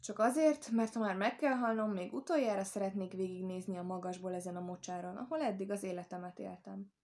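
A woman's voice: medium pitch, a little mellow, natural voice. A woman voicing a crafty toad who plays innocent and coaxes a wolf in a storybook tale. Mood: sly. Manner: innocent, coaxing, lightly mocking. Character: sly calm old toad, quick-witted.

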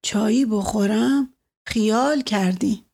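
A woman's voice: mid-range voice, slightly rough. A woman reading the lines of a bitter, irritable older colonel, father of grown daughters, in a curt, sour way in an audiobook. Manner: curt, sour, spoken quietly. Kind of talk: audiobook character voice.

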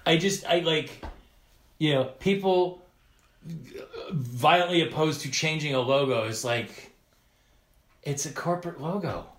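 A man's voice: on the high side, measured pace, long pauses. A man hosting a casual comedic podcast, rambling and exasperated, with swearing and a cave-like reverb on his voice. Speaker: podcast host. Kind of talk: casual comedic chat, recapping an animated show.

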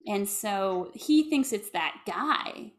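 A woman's voice: medium pitch, expressive, slow pace. A woman chatting casually as a podcast co-host, retelling a movie with lots of "like" and laughter. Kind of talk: casual chat recapping a movie.

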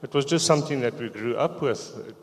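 Halting man, middle-aged. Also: medium pitch. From South Africa. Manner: halting, hesitant, quiet. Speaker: church member giving testimony. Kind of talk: personal testimony in church. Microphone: handheld microphone. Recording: echoey church hall.

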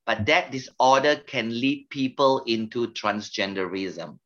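Earnest older Malaysian-born pastor. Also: male voice, mid-range voice, a little slow, a bit bright, highs cut off. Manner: earnest, reflective, with frequent restarts. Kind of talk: interview guest telling his life story.

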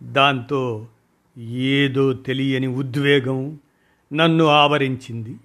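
A man narrating a first-person short story in a measured, deliberate reading. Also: mid-range voice, fairly bright tone.

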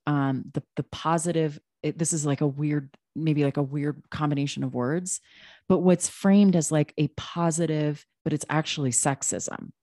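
A woman's voice: low voice, mellow, no room sound, clean studio sound. A woman co-hosting a podcast, talking casually and emphatically, with frequent restarts and asides. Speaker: podcast co-host.

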